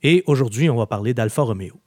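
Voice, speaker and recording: A male podcast host with a medium-pitched voice talks fast in a casual chat, telling stories in an animated way full of filler words. The recording is dry and close-miked.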